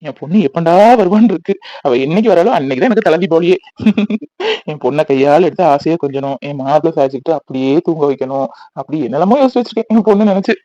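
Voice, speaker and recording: A man's voice: a little high, expressive, dark tone, dry recording, natural voice. A man voicing an affectionate young husband who teases his wife playfully. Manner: teasing, fast and playful. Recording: dull lo-fi dry recording.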